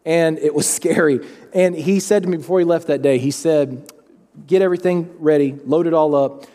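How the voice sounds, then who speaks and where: Earnest pastor in an echoing hall. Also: male voice, a little high, normal speed. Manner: storytelling, earnest and animated. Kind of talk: sermon. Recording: long reverb of a large hall.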